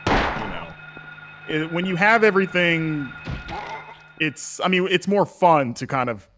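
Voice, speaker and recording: A man's voice: a little high, sing-song, a little slow, a bit bright, a little hiss or hum. A man co-hosting a game stream, telling casual anecdotes with dry humor. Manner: wry, joking storyteller. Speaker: co-host. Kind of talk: casual let's-play chat.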